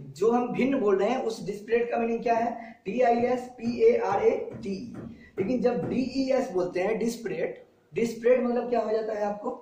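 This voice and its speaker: A man with a high voice teaches a class, repeating every word and meaning and drilling his students with questions. He is recorded from a distance in a very echoey classroom. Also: mellow. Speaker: vocabulary teacher.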